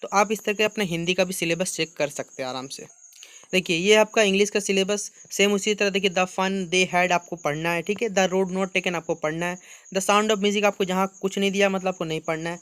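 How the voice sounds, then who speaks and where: A man's voice: sits high, steady tone, normal speed, a bit bright, clean tone, no echo. A man, talking students through a syllabus and mixing Hindi with English terms. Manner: repeats "ठीक है" and "आपको", mixes Hindi with English terms. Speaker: teacher going over a syllabus. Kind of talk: screen-share walkthrough.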